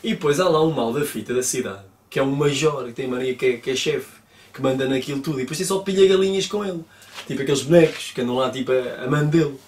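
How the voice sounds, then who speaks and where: A man's voice: mid-range voice, quick pace, a little mellow. A man retelling a film scene by scene in casual, slangy talk, acting out the moments. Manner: colloquial, slangy, acts out the scenes. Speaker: film reviewer. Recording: roomy, distant mic.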